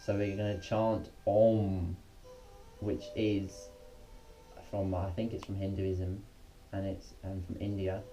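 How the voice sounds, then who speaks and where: A man's voice: sits low, level tone, slow, dark tone. A man leading a casual guided yoga lesson in a laid-back, slangy, unpolished way, as the instructor. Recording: muffled, dull lo-fi sound.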